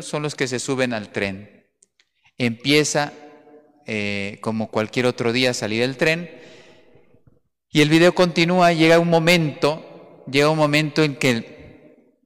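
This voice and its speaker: A man, a priest, giving a homily in a church, telling a story earnestly, pausing and repeating words. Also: medium pitch, smooth. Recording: long church reverb.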